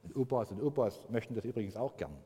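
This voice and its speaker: A man giving a children's sermon as pastor, telling it in a lively way and acting out the voices of the people he quotes. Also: fairly low pitch, fast, breathy edge. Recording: long church reverb.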